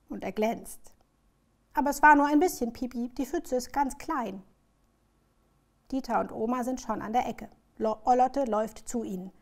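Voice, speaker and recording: A woman author reading her children's book aloud in a lively, expressive storyteller's manner. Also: a little high, gravelly.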